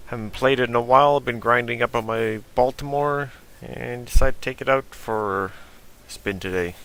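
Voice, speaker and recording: A man giving relaxed, casual commentary over a game replay, thinking aloud with fillers. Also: medium pitch, normal speed, slight background noise. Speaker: gaming video host.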